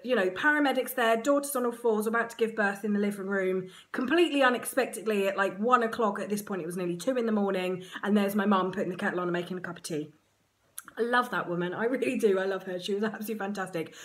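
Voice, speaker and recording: An Englishwoman telling a personal story to camera in a chatty, frank, self-mocking way, full of quick asides. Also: mid-range voice. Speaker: surrogate mother vlogger.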